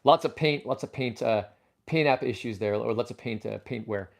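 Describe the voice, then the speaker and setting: A man hosting a casual livestream, excitable and rambling, often restarting his sentences and breaking into loud exclamations. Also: medium pitch, moderate pace, vocal fry. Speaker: livestream host.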